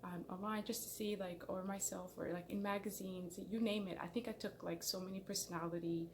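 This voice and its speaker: Here a young woman from Somalia talks briskly in a medium-pitched, steady voice over a noisy background. As a channel host in a small room indoors, she chats casually to the camera facing her, shown from the head and shoulders, and her talk rambles with many fillers, restarts and a self-conscious air.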